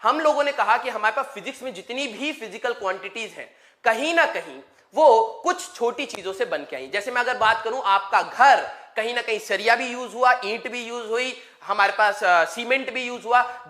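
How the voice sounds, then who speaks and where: A man's voice: extremely high pitch, moderate pace, pushed and bright. A man teaching a live online physics lecture, joking with students and mixing English terms into his explanations. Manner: playful, joking, mixes English terms into speech.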